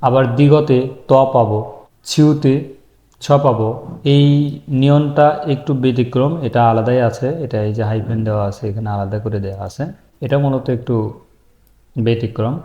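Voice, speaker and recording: A man's voice: mid-range voice, steady tone, normal speed, warm tone. A man teaching a language lesson, who keeps asking his students questions and then answering them himself. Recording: echoey room.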